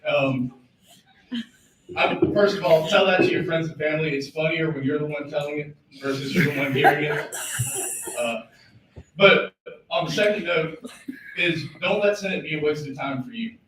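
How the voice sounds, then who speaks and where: A young man telling a long shaggy-dog story to a meeting, with dramatic pauses and repeated lines. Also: a little high, a crowd in the background. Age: young adult. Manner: storytelling with dramatic pauses, acted quotes, repetitions. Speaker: student senator telling a joke. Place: large echoey meeting room. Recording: echoey hall from far off, faint room noise.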